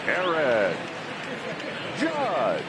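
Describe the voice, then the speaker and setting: A man voicing a ballpark public address announcer, heard over a stadium PA system and introducing players in a slow, drawn-out, formal way. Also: fairly high pitch, huge pitch swings, over a noisy crowd, exaggerated voice. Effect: over a stadium PA system, distant and echoing. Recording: loud stadium noise over distant loudspeaker.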